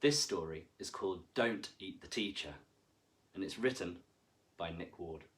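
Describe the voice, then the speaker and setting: A man reading a children's picture book aloud, animated and engaging. He talks slowly and clearly, with pitch rising and falling a lot. He often turns to ask his young listener questions. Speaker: children's storyteller.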